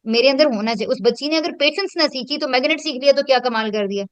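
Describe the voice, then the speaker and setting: A woman's voice: high-pitched, fast, smooth, no echo. A woman, explaining her teaching in a reflective, conversational way and mixing in English terms. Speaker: educator and host. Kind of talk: casual conversational teaching talk.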